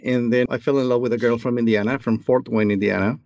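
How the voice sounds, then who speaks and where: A man's voice: medium pitch, steady tone, quick pace, gravelly, a little mellow, no echo. A man from Mexico, a guest filmmaker, chatting as a storyteller in a casual interview over a video call. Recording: dull lo-fi video call audio.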